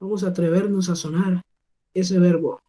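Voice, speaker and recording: A woman's voice: on the low side, steady tone, moderate pace, dark tone. A woman with a Colombian Spanish accent teaching an online English class, patient and often checking that her students follow. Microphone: computer mic on a video class.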